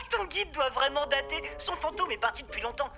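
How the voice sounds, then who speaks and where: A woman voicing a young boy obsessed with aliens, heard as a distant, crackly radio transmission and talking in a hurried, teasing way. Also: high-pitched, lively intonation, dull audio, faint music behind. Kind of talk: cartoon dub acting.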